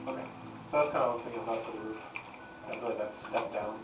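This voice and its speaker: A man chatting casually during a game session, relaxed and playful. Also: on the low side, very fast, over music. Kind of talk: casual gaming chat. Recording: echoey, distant, faint noise.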